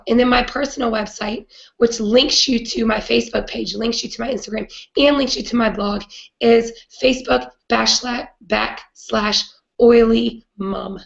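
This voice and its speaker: A woman with a raspy, hoarse voice from a cold, hosting a live video chat in an earnest way with many "um" fillers. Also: on the high side, highs cut off. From not British. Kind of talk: casual live-stream talk.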